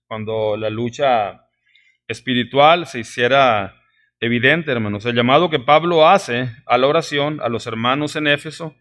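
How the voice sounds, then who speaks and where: A man preaching a sermon, emphatic, his voice rising sharply on key words and dropping low on asides, often adding "¿verdad?" and "hermanos". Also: normal speed, a bit bright. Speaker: pastor. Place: church sanctuary.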